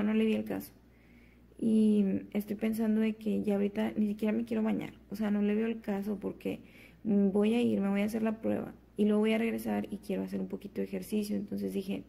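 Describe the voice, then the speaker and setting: A woman's voice: mid-range voice, creaky, warm tone. A young woman vlogging casually at home, rambling and chatty with lots of fillers, just out of bed. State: just woke up, fasting. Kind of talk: casual chat to camera.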